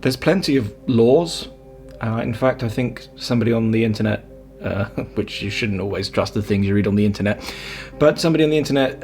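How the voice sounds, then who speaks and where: A man who coaches people on spiritual growth, chatting straight to camera in a loose, rambling way. He keeps tacking on little tag questions and asides, and his pitch sits in an ordinary middle range. Soft music plays faintly behind him. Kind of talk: casual talk to camera.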